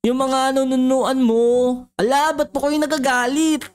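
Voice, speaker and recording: A cute, chatty little Grimace in a Minecraft role-play, played by a gaming YouTuber. The voice is smooth and clear, bouncing between excited squeals and nervous little cries. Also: high voice, a little slow. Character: cute childlike Grimace, chatty and easily scared.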